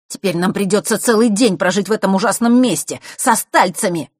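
A woman's voice: mid-range voice, fairly quick, dry recording, studio quality, voice pushed up, natural voice. A woman voicing an angry teenage boy who lashes out. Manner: shouting, furious.

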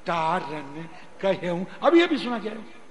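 High-voiced man chanting scripture slowly. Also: big pitch swings. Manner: slow, drawn-out chanting of verses. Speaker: religious discourse speaker. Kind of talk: scripture discourse with chanted verses. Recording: long hall reverb, faint noise.

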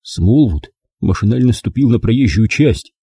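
A man reading a novel aloud as an expressive audiobook narrator. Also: mid-range voice, measured pace, breathy edge, no echo, clean studio sound. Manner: expressive storytelling. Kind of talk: scripted narration.

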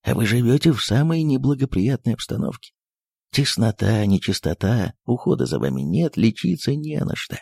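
A man voicing a fussy, sentimental elderly postmaster who speaks low and coaxingly, dropping into whispers. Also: big pitch swings, moderate pace, vocal fry, darkish tone, slightly rough, no echo, clean studio sound, full character voice. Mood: coaxing tender.

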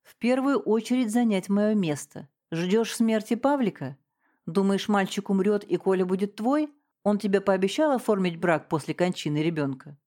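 A woman reading a story, voicing a cold, sarcastic wife who speaks in a slow, condescending drawl. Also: medium pitch, expressive, mellow, natural voice.

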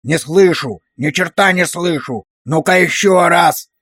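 A man's voice: a little high, unhurried, fairly bright tone, breathy edge, no echo, clean studio sound, exaggerated voice. A man playing a harsh, barking drill sergeant. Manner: barking orders and insults.

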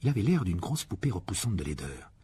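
A man reading an audiobook expressively, with a lively delivery that rises in pitch for dialogue. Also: fast, husky. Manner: lively, voices Harry with rising pitch in dialogue. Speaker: audiobook narrator.

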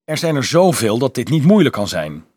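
Male narrator doing resolute teen boy leader; firm, husky. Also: medium pitch, big pitch swings, a little fast, a little mellow, dry recording, clean studio sound, pitched above the performer's own voice. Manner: firm, explaining, sometimes angry. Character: resolute teenage boy leader, practical planner.

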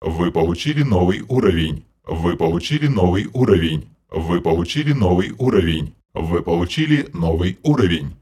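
Man doing a deep husky game system voice. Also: normal speed, few pauses. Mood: flat. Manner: monotone repeated announcements. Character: flat deep male game system announcer.

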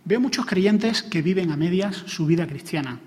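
Fervent preacher from Spain, high voice. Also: male voice, expressive, normal speed, darkish tone. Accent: Spain Spanish. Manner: emphatic, rising to fervent exclamations. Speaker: pastor. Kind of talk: sermon. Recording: long hall reverb.

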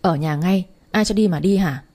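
A bossy, scolding middle-aged mother from a spoken storybook, read by a woman. Her voice sits low and mellow. She gives short, commanding orders. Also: moderate pace, natural voice.

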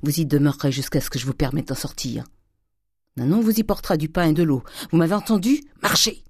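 A reader voicing a domineering, miserly old father who lurches from loud fury to hissed whispers. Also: medium pitch, steady tone, fast talker, gravelly, slightly rough, no room sound, clean studio sound. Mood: commanding. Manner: thundering, swinging from shouts to hissed whispers. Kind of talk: audiobook character reading.

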